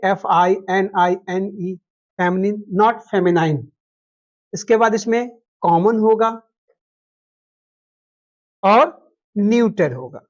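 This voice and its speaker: Female teacher giving a slow, patient lecture, often checking understanding; muffled, low-fidelity sound. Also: darkish tone. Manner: explains slowly, repeats key terms, checks understanding with asides. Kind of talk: classroom lecture.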